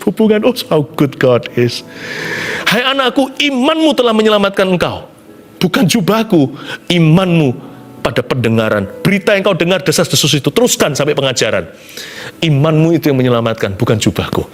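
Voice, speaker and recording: A man preaching a sermon with great animation. His fairly high voice leaps up for excited exclamations and drops low for soft asides. Faint music plays behind him. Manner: animated preaching, mixing in English phrases. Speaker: pastor.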